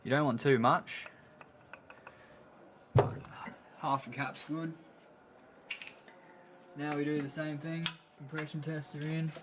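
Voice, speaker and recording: Bloke, casual and slangy. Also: male voice, fairly high pitch, fairly even intonation, takes it slowly, long pauses, heavy background noise. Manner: laid-back, slangy, swearing. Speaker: vlog host. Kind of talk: casual car vlog chat.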